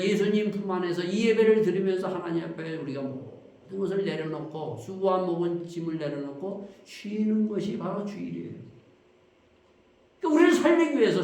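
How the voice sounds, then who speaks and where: Man, pastor, sermon, questions to the congregation, quiet then emphatic, very reverberant sanctuary. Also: high voice. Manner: swings from quiet to loud emphatic bursts. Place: church sanctuary. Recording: very echoey church hall.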